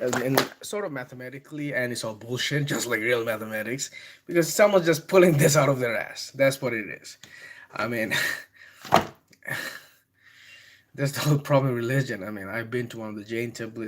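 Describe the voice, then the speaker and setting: Heavy background noise surrounds this medium-pitched Bangladeshi host as he talks through a book on a casual livestream. Bengali-accented and irreverent, he rambles, laughs between ideas, and declaims passages loudly when reading aloud.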